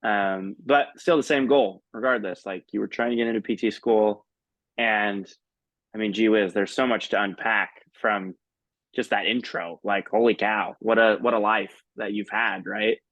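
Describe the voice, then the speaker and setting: Chatty upbeat guy hosting, lowish voice, dry muffled audio. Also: steady tone, normal speed, a bit bright, no echo. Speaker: host. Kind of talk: casual interview.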